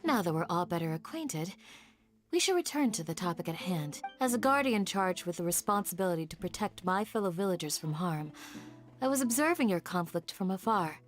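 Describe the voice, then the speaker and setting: A woman's voice: lowish voice, animated, brisk, faint music behind, natural voice. An actress playing a polite, protective female village guardian who speaks formally and firmly in video game dialogue. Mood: composed. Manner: formal, gentle but firm.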